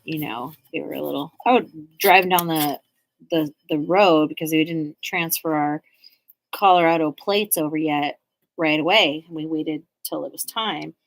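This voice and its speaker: A woman in her forties from Southern California chats while making art on a live stream. Her voice sits a little low. She rambles loosely, dropping plenty of "like"s along the way. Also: a little slow, creaky. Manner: rambling and chatty, full of likes. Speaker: artist hosting a live stream.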